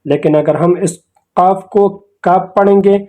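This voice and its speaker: A man teaching Quran recitation in a slow, patient lesson, repeating key words and phrases. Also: sits high, narrow, tinny audio. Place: academy channel video lesson.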